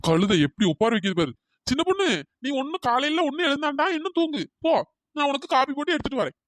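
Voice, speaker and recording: A voice actor playing a tall, exasperated husband in a comic cartoon, bickering and then pleading through a pitch-shifted cartoon voice. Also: expressive, fast, dry recording, clean studio sound. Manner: scolding, then fawning and pleading. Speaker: cartoon character.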